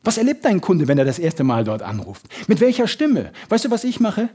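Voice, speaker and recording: A man giving a motivational sales seminar, lively and full of emphasis, acting out little everyday scenes. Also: high-pitched, a little fast, breathy edge. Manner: lively, shifts loud and soft for emphasis, acts out little scenes. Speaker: sales trainer.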